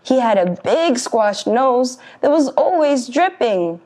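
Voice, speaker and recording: Woman teacher, children's story narration, slow and lively. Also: on the high side.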